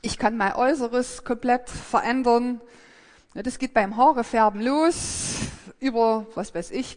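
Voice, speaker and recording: A woman's voice: a little high, long reverb tail. A woman giving a sermon, thinking aloud in a hesitant, reflective way with frequent fillers and restarts.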